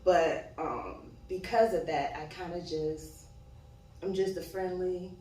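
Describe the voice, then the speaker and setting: A woman's voice: on the low side, takes it slowly, warm tone. A woman in her twenties from Miami, a model, chatting casually as a guest and laughing often. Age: 20s. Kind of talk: casual chat. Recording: echoey room, far from the mic, faint noise.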